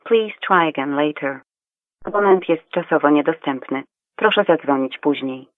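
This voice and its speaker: An automated phone-network message, spoken in a flat, formal, scripted announcer manner and heard over a call. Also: mid-range voice, moderate pace, dry recording. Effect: tinny phone line. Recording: dry, tinny phone line.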